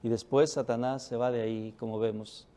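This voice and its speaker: A man's voice: mid-range voice, flat delivery, fairly quick, warm tone. A man preaching a sermon, reading scripture aloud, asking questions and answering them himself, calling his listeners brothers. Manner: calls listeners "hermanos". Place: church.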